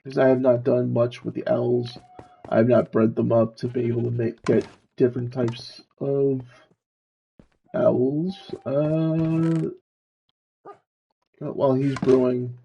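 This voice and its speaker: A man streaming a video game, slowly talking himself through what he is doing in casual commentary. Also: mid-range voice, flat delivery, creaky, mellow, slightly rough, lo-fi sound. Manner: slow, musing, talks to himself while playing.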